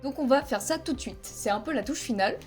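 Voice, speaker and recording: A woman's voice: high voice, expressive, fast talker, faint music behind. A woman teaching a video editing tutorial over a headset mic, explaining each step plainly and counting frames aloud. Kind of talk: screen-recorded software tutorial.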